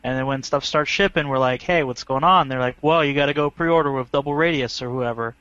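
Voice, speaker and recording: A man's voice: medium pitch, fairly quick, fairly bright tone, muffled recording. A man in a casual group chat, grumbling and exasperated as he talks.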